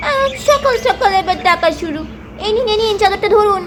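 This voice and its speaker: Woman storyteller, chatty and fussing, very high voice; noisy home recording. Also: animated, a little fast. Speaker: narrator and doll-play voice actor. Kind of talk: storytelling narration to children.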